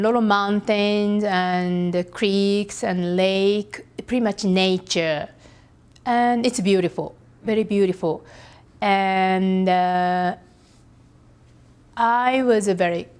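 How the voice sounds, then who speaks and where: This podcast interview guest is a middle-aged Japanese artist speaking English as a second language, with a Japanese accent. Her voice is medium in pitch, darkish and smooth, and her speech is halting, broken by frequent pauses as she searches for words.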